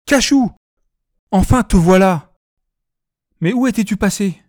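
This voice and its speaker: Storybook dog owner, frantic and loving, man voices him, raised and husky. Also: medium pitch, expressive, moderate pace, no room sound, studio quality, lightly acted. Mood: frantic relief. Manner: loud relieved exclamations.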